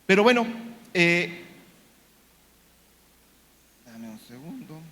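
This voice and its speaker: A man's voice: high voice, sing-song, slow, a bit bright. A man preaching a sermon, retelling a story with acted-out quotes, many fillers and repeated words. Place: church. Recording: long church reverb.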